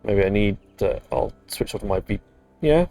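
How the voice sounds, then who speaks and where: Gravelly low-voiced British man streaming. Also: expressive, moderate pace, warm tone, faint music behind. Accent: British English. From United Kingdom. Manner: rambling, dry, muttered asides. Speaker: game streamer. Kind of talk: casual live-stream chat.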